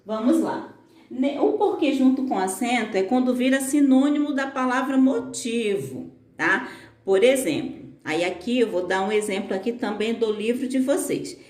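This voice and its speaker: A woman's voice: fairly high pitch, a little mellow. A Brazilian woman teaching a recorded grammar lesson to primary school children, explaining patiently with many fillers. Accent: Brazilian Portuguese. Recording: echoey room.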